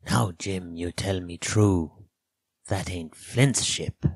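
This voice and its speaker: This low-pitched man voices a half-crazed, sly and childish old sailor stranded in a storybook, speaking rustic dialect with drawn-out words and sudden bursts of excitement. Here the mood is fearful. There's no room sound at all.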